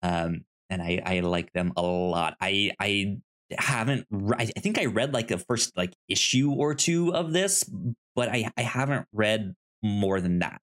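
A podcast co-host chats casually, pitching comics and reading blurbs aloud, and often stammers on the first syllables of words. He's animated and unhurried, with a lowish, slightly bright voice.

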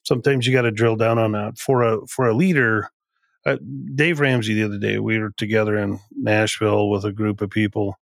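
Gravelly man giving emphatic business advice. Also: fairly low pitch, little pitch movement, brisk, dry recording. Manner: emphatic, repeats and restarts phrases. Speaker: podcast guest, business CEO. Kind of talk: conversational podcast interview.

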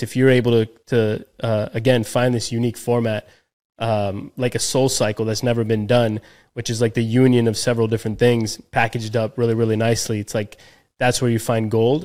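A man's voice: mid-range voice, a little mellow. A man co-hosting a podcast in casual chat, talking loosely with slang and frequent restarts. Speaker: podcast co-host.

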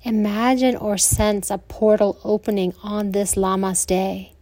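An American woman teaching yoga nidra, guiding rest slowly and soothingly like a sleep story narrator, with spacious pauses. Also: mid-range voice, flat delivery, mellow, dry recording. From lives in southern Colorado, United States.

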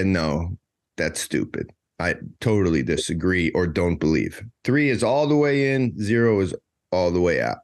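A man hosting a podcast in casual interview chat, talking in a halting way as he thinks aloud. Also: mid-range voice. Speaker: podcast host.

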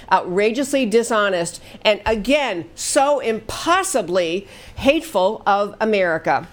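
A middle-aged woman hosting a political talk show, delivering emphatic, indignant commentary that repeats its points. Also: medium pitch.

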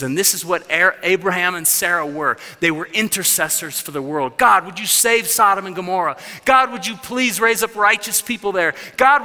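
A man in his thirties preaching a sermon as pastor, passionate, dropping to a hush and then rising loud. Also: high-pitched. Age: 30s. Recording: reverberant hall.

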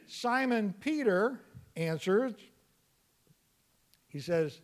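A man teaching verse by verse through a Bible passage. He explains step by step, repeats key phrases, and sometimes bursts into loud exclamations. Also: sits high, expressive, very slow.

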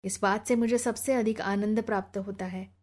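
A woman reading the lines of an earnest, polite young man in an audiobook, in formal, measured speech. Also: medium pitch, fairly even intonation, darkish tone, close to an everyday voice. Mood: courteous.

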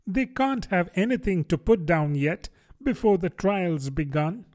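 A man voicing a curious, polite young girl in a storybook reading, lifting his voice high and light. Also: animated, a little slow, a little mellow. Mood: wondering.

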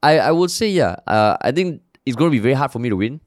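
A man's voice: mid-range voice, fast, no echo, studio quality. A man with a Singaporean English accent, co-hosting a podcast in casual chat, blunt and swearing freely. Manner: blunt, sweary, animated storytelling. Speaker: podcast co-host.

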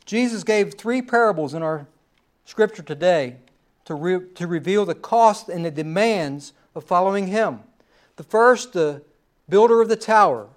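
A middle-aged man preaching a sermon in a folksy storytelling way, with personal asides. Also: sits high.

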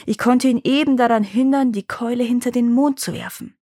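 A woman's voice: on the high side, brisk, mellow, dry recording, studio quality, natural voice. A woman voicing a strong but timid young male dragon who is easily frightened, speaking in a worried, pleading way.

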